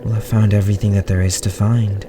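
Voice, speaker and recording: A man's voice: lowish voice, little pitch movement, natural voice. A man doing a vague, dreamy old aunt. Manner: slow, distant, absent-minded. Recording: distant mic with soft music.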